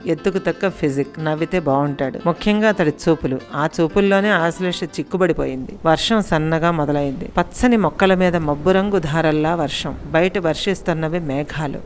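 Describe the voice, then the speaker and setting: A woman storyteller reading a romantic audiobook story aloud, voicing the characters' lines lightly as she narrates. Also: sits low. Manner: reads all characters' lines with light voice changes. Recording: faint background music.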